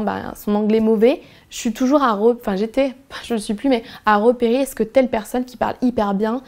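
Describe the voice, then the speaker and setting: Woman teaching, mellow higher voice. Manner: frank, encouraging, chatty with many fillers. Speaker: English teacher. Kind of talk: casual French video lesson.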